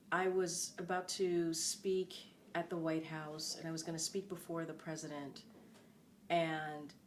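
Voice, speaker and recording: A fairly low, slightly mellow female voice comes from a middle-aged interview guest who used to be a press secretary. Earnest and emphatic, she keeps returning to key phrases during this conversational interview, with a little background noise.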